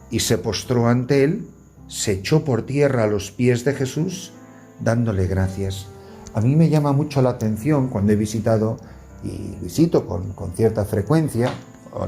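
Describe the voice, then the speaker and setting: A man's voice: fairly low pitch, warm tone. A man preaching as a priest, earnest, with rising emphasis on key words and a faint music bed behind. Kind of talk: sermon.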